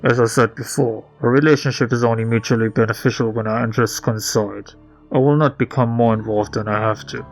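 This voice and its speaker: A man voicing a cryptic anonymous caller whose voice comes through a phone with heavy distortion, calm and measured with veiled threats. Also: medium pitch, soft background music, voice pushed down. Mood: cool. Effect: heavily distorted phone voice. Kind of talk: reading a game aloud with voices.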